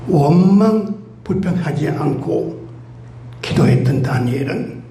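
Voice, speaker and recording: Korean-style church pastor, guy preaching high and lively, acting out grumbling crowds, big echoey room. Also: takes it slowly, slight background noise. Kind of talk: sermon. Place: church sanctuary.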